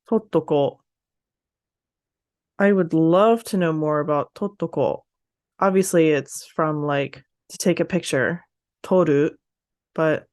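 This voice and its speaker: Slightly low-voiced woman thinking aloud, unhurried. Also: a little mellow, no room sound, studio quality. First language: English. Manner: self-talking, sounding out syllables slowly and repeating them. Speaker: language learner hosting a practice session. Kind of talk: casual think-aloud language study.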